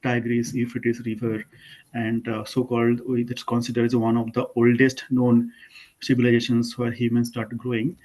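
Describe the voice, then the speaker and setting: Casting note: young Indian-accented man, mid-pitched, talking students through slides, relaxed and halting. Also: rough recording. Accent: Indian English. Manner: informal, with frequent fillers and self-corrections. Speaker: architect giving an online lesson. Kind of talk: presentation to school students.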